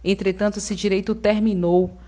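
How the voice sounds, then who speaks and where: Casting: actress as a menacing, commanding female ringmaster, Censorship personified, theatrical radio drama delivery at a medium pitch. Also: flat delivery, normal speed, dark tone, close to an everyday voice. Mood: smugly menacing.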